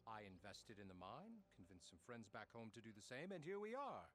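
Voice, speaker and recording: A man's voice: on the low side, very animated, brisk, a bit bright. An actor playing a boastful, scheming male foreman in a studio game, with a pompous, self-important manner.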